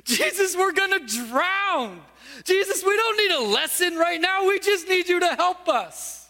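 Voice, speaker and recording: Panicked disciple as a preacher puts him on, very high frantic voice, echoey hall. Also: male voice, expressive, measured pace, bright, forceful tone, full character voice. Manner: frantic, pleading. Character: panicked male disciple in a storm.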